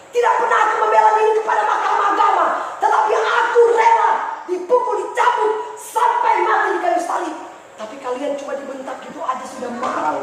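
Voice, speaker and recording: A woman preacher voicing the Lord as he rebukes a believer, emphatic and rising to shouts. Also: very high voice, pitched above the performer's own voice. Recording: echoey church hall, mic far off, noisy.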